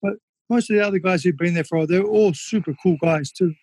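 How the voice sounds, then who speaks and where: A man's voice: sits high, fast talker, a little mellow, slightly rough, dry recording. A man, a former kickboxer, telling stories in a casual interview, candid and swearing freely with lots of fillers.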